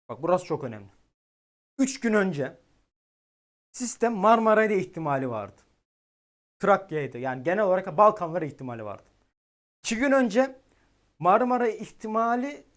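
A man giving live-stream weather commentary, excitable and exasperated, talking directly to his chat. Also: high voice.

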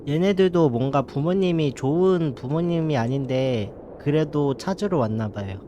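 A man's voice: on the high side, lively intonation, normal speed, mellow, a little hiss or hum. A man commenting casually while playing a horror game. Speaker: game streamer.

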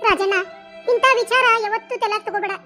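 A woman voicing a grieving, gentle widowed woman in a cartoon, speaking mournfully with a North Karnataka Kannada accent. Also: very high-pitched, steady tone, quick pace, soft background music. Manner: mournful, pleading.

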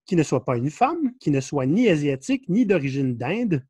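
Husky Québécois podcast host reading stories. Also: male voice, fairly high pitch, big pitch swings, moderate pace, dark tone, dry recording. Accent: Québécois French. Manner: reads stories aloud, wry asides with chuckles. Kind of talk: casual podcast chat. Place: small room indoors.

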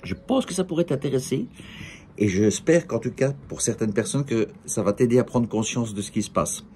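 Middle-aged Belgian man, chatty vlogger, dark mellow tone, jokey and rambling. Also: mid-range voice, animated, normal speed, a little hiss or hum. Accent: Belgian French. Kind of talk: casual direct-to-camera monologue. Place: outdoor café terrace.

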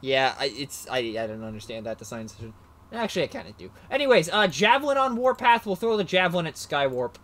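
Rambling, animated male card player. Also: a little high, quick pace. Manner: rambling, self-mocking, loses his train of thought. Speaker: card game player and commentator. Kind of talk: casual play-by-play of a card match.

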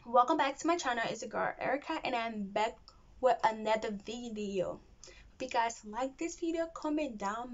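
A woman's voice: fairly high pitch, lo-fi sound. A young woman, talking casually to camera as a vlogger hosting her own channel. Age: young adult. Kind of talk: casual direct-to-camera vlog talk.

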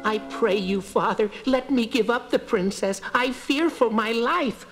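A man's voice: very high-pitched, a little slow. A timid, pleading young nobleman. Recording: music behind.

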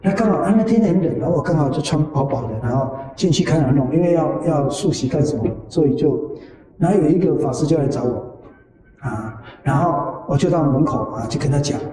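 A man giving a conversational Buddhist teaching, animated and repetitive, often trailing lines with drawn-out particles. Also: on the high side. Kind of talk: conversational dharma talk with personal anecdotes. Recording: echoey hall, voice from far off the mic.

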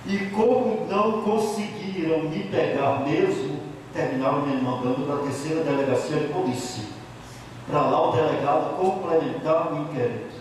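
A middle-aged priest from Bahia, Brazil, with a Bahian Portuguese accent tells his life story to a group in an office meeting room, speaking emphatically into a handheld mic and repeating key phrases. His voice is fairly high and moderately paced, with a little hiss or hum, and a distant camera picks up the room's echo.

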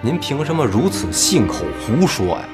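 An actor playing a boastful, flirtatious engineer who pleads and justifies himself in a TV drama. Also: male voice, medium pitch, big pitch swings, normal speed, over music. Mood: indignant. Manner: smooth-talking, pleading, indignant. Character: boastful philandering male engineer, self-justifying. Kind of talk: TV period drama acting.

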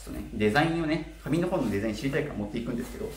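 Casual male vlogger, twenties, animated intonation, slightly slurred from wearing a mouthguard-style aligner, echoey room. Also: medium pitch, very fast. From Kitakyushu, Japan. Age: 20s. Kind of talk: casual talk to camera. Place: small bare apartment room, indoors. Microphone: camera a short distance away. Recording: roomy echo with faint noise.

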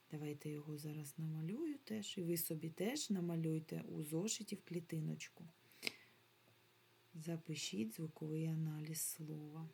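A primary school teacher with a Ukrainian accent teaches young children remotely, slowly drawing out sounds and syllables in a patient, coaxing way. Her voice is low and a little mellow, with a breathy edge.

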